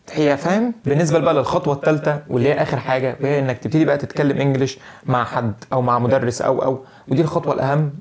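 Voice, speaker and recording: A man's voice: medium pitch, a little mellow. A young man with an Egyptian Arabic accent, giving casual, direct advice in a video lesson on learning English. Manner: direct, chatty advice to the viewer.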